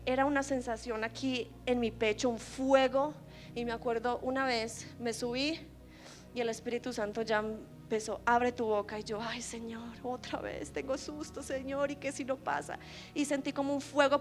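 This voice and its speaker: Woman preacher, high voice, fervent sermon with quiet storytelling turns, soft music bed. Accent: Latin American Spanish. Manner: swings from loud fervent preaching to hushed storytelling. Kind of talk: sermon with personal testimony.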